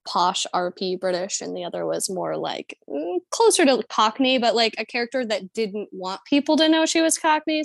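A woman's voice: mid-range voice, no room sound. A young adult woman, an actor, talking casually about her craft, full of "um" and "like". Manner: chatty, many fillers like "um" and "like". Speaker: actor and guest. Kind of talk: casual interview chat.

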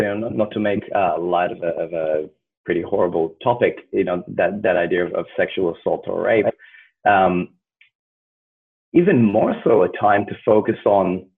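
A man talks in a low, husky voice through a tinny, phone-like line. He speaks earnestly and hedges often, with lots of "you know" and fillers. It sounds like a relaxed conversation. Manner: earnest, hedging with many fillers. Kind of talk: casual conversation.

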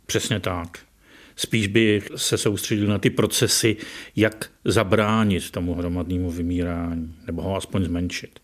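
Deep-voiced professor, hesitant and measured. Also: male voice, flat delivery. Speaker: professor, interview guest. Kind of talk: radio interview, opinionated explanation.

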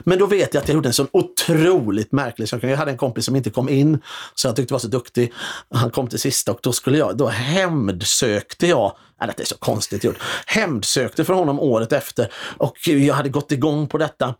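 A man, an actor and comedian, telling theater anecdotes in a loose, animated way, often restarting with hesitations. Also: medium pitch, husky. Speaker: stage actor and comedian guest. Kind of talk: casual anecdotal storytelling.

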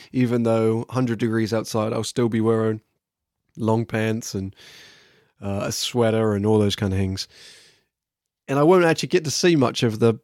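A man's voice: on the low side, darkish tone, dry recording, clean studio sound. A man from England with an English accent, talking casually and candidly as a solo podcast host reflecting on his work. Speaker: podcast host, workshop trainer.

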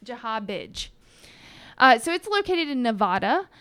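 A woman's voice: on the high side, sing-song, a little slow, sharp tone, no echo. A woman co-hosting a podcast, telling a story in a rambling, chatty way and often correcting herself. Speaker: podcast co-host. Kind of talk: casual storytelling chat.

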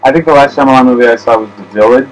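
A man's voice: mid-range voice, racing, rough recording. A man hosting a podcast, chatting casually in a rambling, profane, self-deprecating way. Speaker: podcast host. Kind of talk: casual comedic chat.

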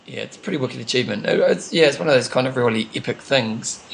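A man's voice: mid-range voice, expressive, fast talker, creaky. A man with a broad New Zealand accent chatting casually and informally as a podcast host, using plenty of slang. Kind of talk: casual co-hosted sports chat.

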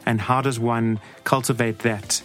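A man speaking informally and a little haltingly as a podcast host and interviewer. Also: medium pitch, fairly even intonation, a bit bright, soft background music. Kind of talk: casual podcast talk. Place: podcast studio.

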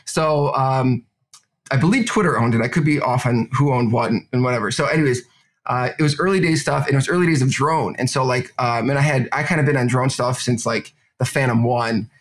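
A man's voice: medium pitch, a little fast. A man in his thirties in a casual podcast conversation, talking in a loose, rambling way and laughing easily. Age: 30s. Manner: rambling, many fillers and restarts, laughs easily.

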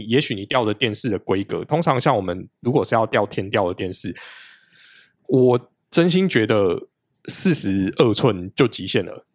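A man in his late thirties with a lowish voice chats casually as a podcast guest, explaining things at length in a practical, detailed way. The sound is studio quality with no echo.

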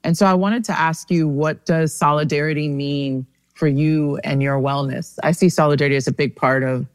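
Podcast host, mid voice, asks slow searching questions, super dry sound. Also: mid-range voice, fairly even intonation, smooth, dry recording. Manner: reflective, searching phrasing. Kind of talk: conversational interview.

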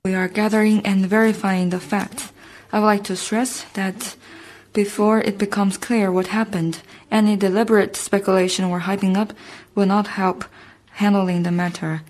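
A woman speaking as a live interpreter, giving an official statement in a measured, even delivery. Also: medium pitch. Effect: live interpreter voice over a press briefing.

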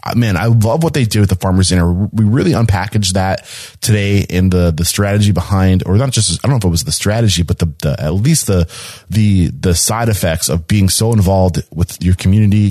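A man's voice: fairly low pitch, a little mellow, dry recording, clean studio sound. A man from New Hampshire hosting a casual interview podcast, upbeat and chatty, with frequent fillers and restarts. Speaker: podcast host.

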